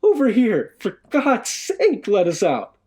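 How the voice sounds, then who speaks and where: A man's voice: high voice, huge pitch swings, takes it slowly, a little mellow, voice pushed up, heavily acted. A man voicing a desperate male prisoner who sobs and shrieks in frantic terror. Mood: terrified.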